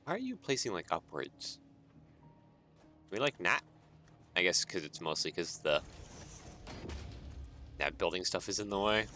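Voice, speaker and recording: A man's low voice moves a little slowly, broken by long pauses, as he streams a game and talks through his construction. Tired and yawning, he rambles in a relaxed way and chuckles frequently, with soft background music playing.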